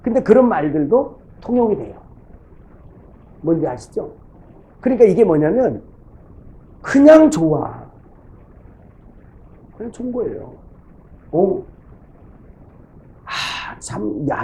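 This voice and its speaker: A man's voice: fairly high pitch, very animated, slow pace, pauses often, dark tone, rough recording. A middle-aged man preaching a sermon as pastor, telling folksy stories and acting out his church members' voices.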